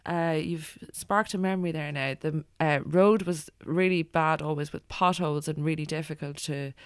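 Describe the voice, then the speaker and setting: A woman's voice: deep voice, steady tone, normal speed, clean tone, dry recording, clean studio sound. An Irish woman chatting casually as a guest, in a hesitant, meandering way. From Ireland. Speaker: guest, stand-up comedian. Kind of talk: casual chat.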